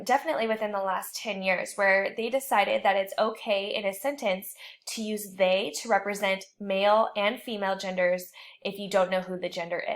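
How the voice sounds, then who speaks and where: A woman instructor walks her class through writing rules in a recorded online lecture. Her delivery is clear and explanatory, at a medium pitch, with a light joking touch now and then.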